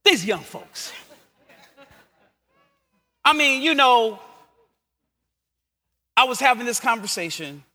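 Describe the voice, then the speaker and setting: A middle-aged man preaches with a very high, bright voice that rises and falls with lively movement. He moves between quiet asides and shouted exhortations. The sound carries a long reverb, as in a large hall. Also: takes it slowly, pauses often. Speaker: pastor. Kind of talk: sermon.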